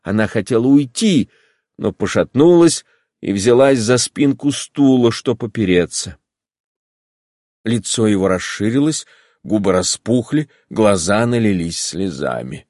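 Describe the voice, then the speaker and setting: A man's voice: fairly low pitch, lively intonation, measured pace, darkish tone, no echo, studio quality. A man narrating a classic novel as an audiobook, reading with feeling.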